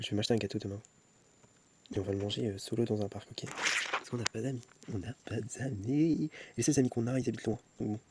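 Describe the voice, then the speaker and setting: Late at home, a young man records a casual vlog on his phone, wandering from thought to thought, making fun of himself and often repeating or restarting. His mid-range voice has a dark tone, with slight background noise.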